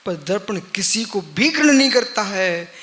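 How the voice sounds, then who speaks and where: A monk preacher delivers a live religious sermon in a high-pitched, animated voice, teaching slowly with repeated refrains and rhetorical questions. His delivery swings from loud emphasis down to lines that are nearly hushed.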